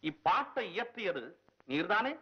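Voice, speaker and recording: An actor playing a stern, proud older scholar-poet who speaks formally and reproachfully, on a dull old film soundtrack. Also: male voice, high-pitched, big pitch swings, unhurried, husky, full character voice. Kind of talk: 1960s film acting.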